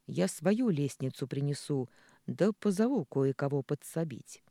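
A man voicing a gruff, joking middle-aged village man who grumbles wryly. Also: a little high, lively intonation, measured pace, mellow, no echo, studio quality.

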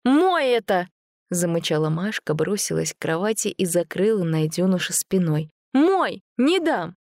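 A woman voicing a simple-minded young village woman, stubborn and possessive, in a high, childlike, insistent voice. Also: steady tone, moderate pace, gravelly, dark tone, dry recording, studio quality. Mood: fierce.

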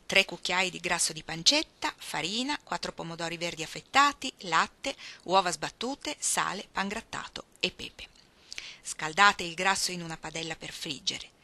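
A woman reading a novel aloud as scripted narration, clear and expressive. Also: lowish voice, moderate pace. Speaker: audiobook reader.

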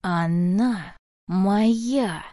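A woman voicing an old witch who poses as a frail grandmother, speaking slowly and softly in a coaxing way, in an audiobook. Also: mid-range voice, animated, dry recording, clean studio sound. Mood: menacing. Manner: slow, soft, coaxing, hushed. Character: sinister old witch posing as a frail granny. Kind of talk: audiobook character voice.

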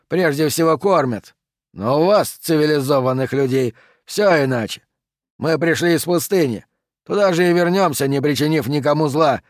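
Conan, as a man voices him: a gruff barbarian. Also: on the high side, no room sound, studio quality, close to an everyday voice. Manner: loud, gruff, raised voice. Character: proud, blunt barbarian warrior, quick to anger. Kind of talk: audiobook character voice.

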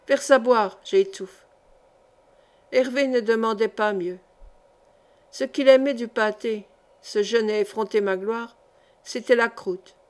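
Woman narrating a historical novel. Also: fairly high pitch. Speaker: audiobook reader. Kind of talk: scripted narration.

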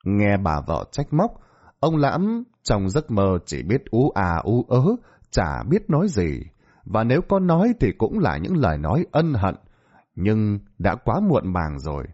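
A man narrating a dramatic scripted story in an expressive storytelling voice. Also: lowish voice, measured pace. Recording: dull lo-fi audio.

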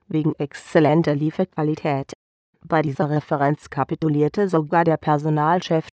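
A man's voice: fairly high pitch, a little mellow, no room sound, lo-fi sound. A man narrating a whimsical science-fiction audiobook in a playful storytelling manner. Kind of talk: scripted sci-fi story narration.

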